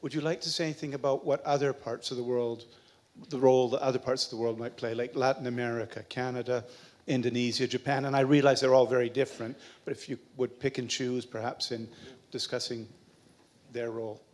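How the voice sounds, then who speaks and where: A man's voice: mid-range voice, fairly even intonation, brisk, darkish tone. A man politely asking a question from the audience at a lecture. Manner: polite, formal.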